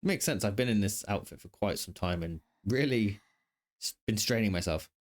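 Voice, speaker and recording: A man's voice: lowish voice, lively intonation, moderate pace. A man streaming a game live, throwing in crude joking asides. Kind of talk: live gameplay commentary.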